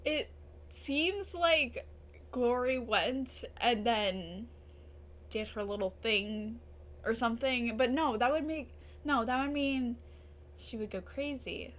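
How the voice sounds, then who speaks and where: Emotional high-voiced young woman reacting. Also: slow, a bit bright. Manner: emotional, gasping, swearing, laughing through distress. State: tearful. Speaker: reaction video host. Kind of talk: episode reaction commentary.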